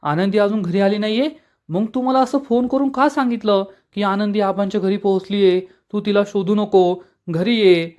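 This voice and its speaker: A stern elder brother who demands explanations, voiced by a man retelling a serial. His tone is pressing and firm. The voice sits a little high. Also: normal speed, darkish tone, natural voice. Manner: stern, questioning.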